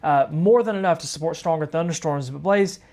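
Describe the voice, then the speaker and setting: A man talks through live storm coverage in a casual, chatty way, often turning to his viewers as folks. His voice sits a touch high for a man, and he sounds tired. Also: a little fast, a little mellow. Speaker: storm-tracking livestream host. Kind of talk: live weather commentary.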